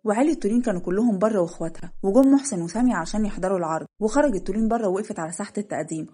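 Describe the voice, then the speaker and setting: A woman's voice: mid-range voice, rapid-fire, dark tone, breathy edge. A woman with an Egyptian Arabic accent narrating a dramatized story, voicing every character herself. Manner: voices all the characters herself.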